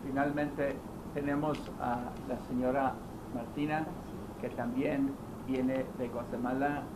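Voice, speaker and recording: A man moderates a news conference, his voice pitched in the middle range and measured with hesitant fillers. Clear background noise runs under the recording. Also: level tone. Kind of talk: introducing speakers at a press conference. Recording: noisy press room audio.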